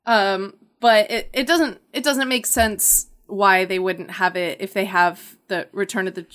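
A woman's voice: medium pitch, fairly even intonation, measured pace, a bit bright. Woman, casual podcast chat, enthusiastic, mid-range voice. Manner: enthusiastic, searching for words. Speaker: podcast co-host.

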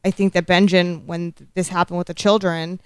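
A woman's voice: fairly low pitch, little pitch movement, fairly quick, smooth, no echo. A woman co-hosting a casual podcast chat, chatty, emphatic and playful. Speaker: podcast co-host.

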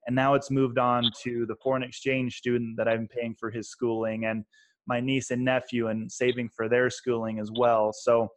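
A man in his thirties hosting an interview in a friendly, affirming manner, building long questions. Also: medium pitch. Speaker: podcast host, investor. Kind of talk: conversational interview.

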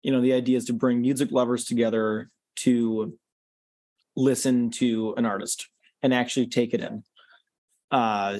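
A relaxed man chats as a podcast guest, explaining things at an easy pace. He fills his talk with "um" and "you know" and restarts his sentences. The recording is dry and close, with little room sound. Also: mid-range voice, no echo. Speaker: podcast guest, concert organizer. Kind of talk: casual interview chat.

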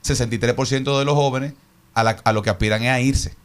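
A man's voice: medium pitch, steady tone, fast, smooth. A Dominican man, a politician, arguing his points at length and earnestly on a radio talk show. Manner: earnest, speaks in long reasoned points. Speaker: politician guest.

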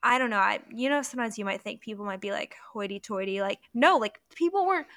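Gushing bright woman, dry close sound. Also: on the high side, quick pace, dry recording. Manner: gushing, animated, many fillers like "like". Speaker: podcast co-host. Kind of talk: casual chat.

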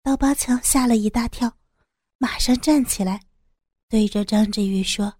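A woman narrating an audiobook story in an even, measured way. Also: a little high, slightly rough, no echo.

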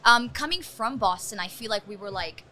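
A woman's voice: mid-range voice, expressive, normal speed, pushed and bright, a little hiss or hum. A woman in her thirties from Dubai, a company founder, talking about her career in an upbeat, enthusiastic way as a podcast guest. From Dubai, UAE. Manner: upbeat, enthusiastic, laughs easily. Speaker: agency founder and CEO, guest. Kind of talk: casual interview chat.

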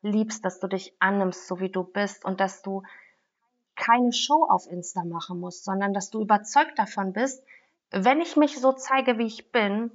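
Lively woman in her thirties, dull sound. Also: mid-range voice, unhurried. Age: 30s. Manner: lively, laughs often, talks with her hands. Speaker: business mentor, guest. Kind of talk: casual interview talk.

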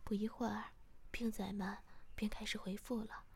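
A woman narrating a story in a soft, even breathy whisper, as a whispered role-play. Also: medium pitch, moderate pace.

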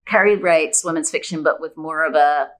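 With a low-pitched voice at a moderate pace, a woman guesting on a podcast as a women's fiction author lays out her opinions emphatically, backing them with examples in a conversational interview.

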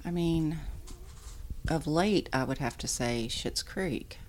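A middle-aged woman chatting casually as a podcast guest, animated, candid and self-deprecating. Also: low-pitched, slow. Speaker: podcast guest, the host's mother. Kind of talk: casual interview chat. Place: indoors at a dining room table at home.

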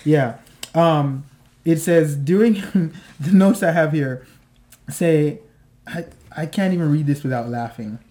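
In a low, slow, dark-toned voice, a woman co-hosts a podcast, chatting loosely with many fillers and frequent laughter.

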